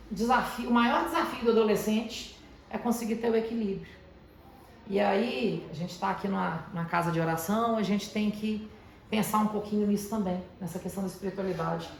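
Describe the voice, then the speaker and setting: A man in his 30s from Minas Gerais, Brazil, gives a motivational talk to teenagers in a large, very echoey house of prayer. His voice is high and gravelly, and he speaks in a deliberately calm, slowed, softened way. Faint background noise is audible.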